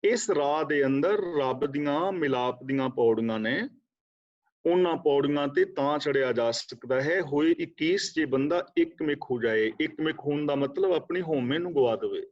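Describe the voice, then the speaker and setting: A man with a fairly high voice gives a scripture class. He draws out verses slowly and then explains them in plain, conversational talk. The sound is dull and lo-fi, as from an online call. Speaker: Sikh scripture teacher. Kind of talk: religious discourse class. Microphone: video call.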